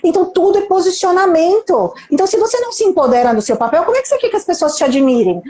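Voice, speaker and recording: A woman's voice: very high voice, lively intonation, rapid-fire, mellow, roomy sound. A Brazilian Portuguese-accented woman, a nurse manager and mentor, giving an emphatic motivational talk on a live stream, full of rhetorical questions and acted-out quotes.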